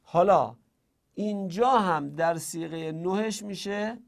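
A man teaching a grammar lesson, explaining word forms step by step, repeating examples slowly and answering his own questions. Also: high voice, gravelly. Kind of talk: classroom lecture.

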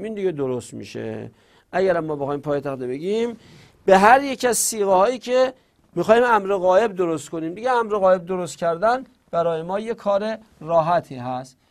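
A man's voice: fairly high pitch, vocal fry. A man teaching a grammar class, explaining step by step and repeating each example aloud.

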